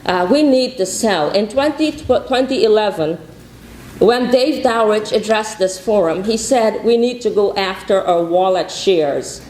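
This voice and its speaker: A woman's voice: mid-range voice, a little slow, darkish tone. A woman from Guyana giving rousing, repetitive rallying opening remarks as a conference founder. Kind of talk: conference speech. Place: conference hall. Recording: echoey conference hall.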